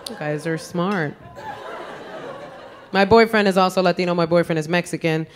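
A young woman from the Bronx doing a sassy, self-mocking stand-up set with quick asides. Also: fairly low pitch. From Bronx, New York. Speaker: stand-up comedian. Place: comedy club stage before a laughing crowd. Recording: lively crowd laughter and noise. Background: audience laughing and cheering.

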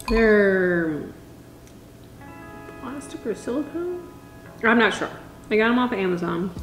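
A woman's voice: mid-range voice, roomy sound, poor audio. A woman in her twenties chatting casually and rambling in asides to the viewer, chewing and eating while she talks. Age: 20s. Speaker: vlogger. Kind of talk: casual chat over a meal. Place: small room at a dining table, indoors.

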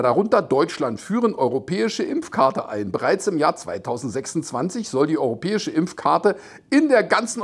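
A man's voice: fairly high pitch, husky. A man giving sarcastic commentary on news items, rambling, mocking, and laughing at his own jokes. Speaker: satirical commentator. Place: Las Vegas.

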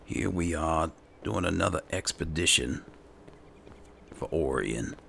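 A man with a rumbling low, fairly bright voice muses to himself in laid-back roleplay commentary as he hosts a gaming video. His intonation is lively but his pace is slow, and clear video game ambience plays behind him.

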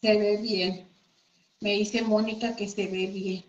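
Lady teaching a craft class live from home, slow and friendly, echoey room, muffled sound. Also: medium pitch, flat delivery, darkish tone. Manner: chatty, addresses viewers as friends. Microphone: computer mic. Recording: echoey room, dull audio.

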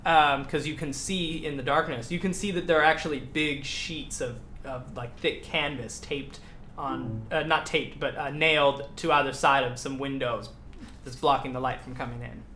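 A man's voice: mid-range voice, steady tone, normal speed, bright, forceful tone, soft background music. A man narrating as game master, rambling with lots of fillers.

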